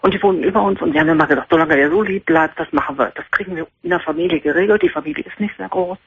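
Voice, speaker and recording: A woman in her forties calling a radio show, talking softly so as not to wake her sleeping family. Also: on the low side, rapid-fire. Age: 40s. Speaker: caller. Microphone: telephone. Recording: husky phone line into a radio show.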